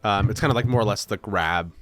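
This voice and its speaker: A man's voice: on the low side, fast. A man running a tabletop game as game master, narrating in a loose, rambling way full of ums and likes.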